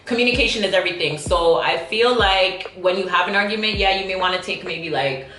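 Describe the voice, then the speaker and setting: A woman's voice: medium pitch, sharp tone, slight background noise. A woman answering viewer questions in a casual, chatty video, with emphatic, slangy delivery. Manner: emphatic, slangy, quick to laugh. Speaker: vlog host reading viewer questions. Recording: roomy echo, faint background music. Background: faint music.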